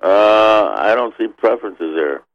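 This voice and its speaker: A man calling in to a radio show over the phone with a tech question. He talks in a hesitant, halting way and fills his pauses. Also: on the low side, animated, no room sound. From Penfield, New York. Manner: hesitant, halting, many filler sounds. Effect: caller heard over a phone line. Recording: dull lo-fi phone line, dry.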